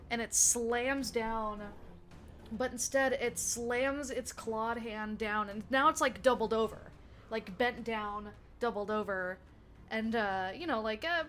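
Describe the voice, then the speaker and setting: A woman's voice: medium pitch, fairly bright tone, a little hiss or hum. A woman narrating as game master in a tabletop game, describing the action with lots of restarts and fillers.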